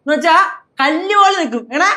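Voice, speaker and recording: An actor playing a boastful, stubborn young husband in a TV sitcom, argumentative in manner. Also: male voice, fairly quick, full character voice. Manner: boastful, argumentative, lively swings of pitch. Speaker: sitcom character. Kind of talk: TV sitcom acting.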